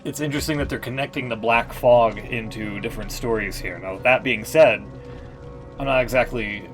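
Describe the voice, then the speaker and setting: Over game music, a man with a mid-range voice streams a game at normal speed, reading lore passages aloud and stopping to react casually and swear freely.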